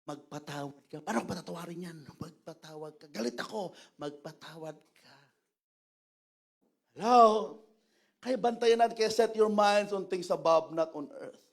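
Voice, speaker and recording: A man preaching a sermon as pastor, animated, mixing Tagalog and English and acting out the voices he quotes. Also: high-pitched, a little fast, creaky, hardly any pauses. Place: church.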